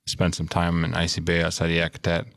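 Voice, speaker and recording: Man, thirties, from Alaska, podcast guest, casual, rambling, very low voice. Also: completely flat delivery, fast talker, vocal fry, fairly bright tone, dry recording, studio quality. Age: 30s. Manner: loose, rambling with many fillers.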